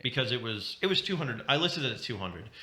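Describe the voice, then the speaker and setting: A man's voice: mid-range voice, sing-song, brisk, bright, forceful tone, a little hiss or hum. A young man on a podcast, telling a rambling story with lots of laughs and asides. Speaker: podcast co-host. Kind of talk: casual chat. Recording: roomy echo.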